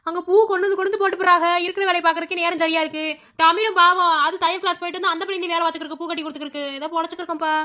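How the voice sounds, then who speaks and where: An affectionate cartoon village mother played by a woman rattles along at a very fast clip. Her voice is high and bright, and she has a Madurai Tamil accent. She talks in a coaxing way. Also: fairly even intonation. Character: chatty village mother, fond and talkative. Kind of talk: cartoon voice acting.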